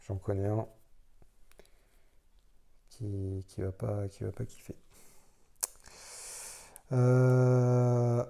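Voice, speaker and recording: A man's voice: on the low side, mellow. A man casually playing a solo board game, thinking aloud as he explains the rules, with self-deprecating asides.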